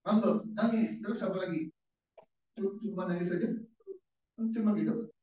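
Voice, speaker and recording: A man's voice: high-pitched, normal speed, mellow. Distant echoey pastor quizzing his congregation. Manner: casual, keeps quizzing the congregation. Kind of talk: interactive sermon. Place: church service. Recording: echoey church hall, distant dull mic.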